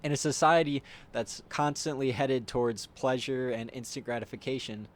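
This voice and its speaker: Medium-pitched man narrating a vlog. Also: steady tone, moderate pace. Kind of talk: reflective explanatory voice-over.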